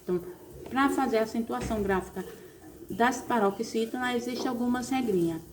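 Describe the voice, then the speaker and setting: A woman's voice: a little high, brisk, noisy background. A woman teacher with a Brazilian accent, patiently explaining a recorded class lesson step by step. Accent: Brazilian Portuguese. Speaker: primary school teacher.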